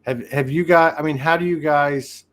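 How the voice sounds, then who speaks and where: A man's voice: a little high, steady tone, normal speed, fairly bright tone. Joking man hosting a chat. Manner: joking, loose and searching questions. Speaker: host. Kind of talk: casual interview.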